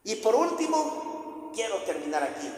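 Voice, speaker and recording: A man's voice: high-pitched, very animated, unhurried, darkish tone. A man preaching a sermon, telling the story with repetition and acting out the voices. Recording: echoey hall with faint ambience.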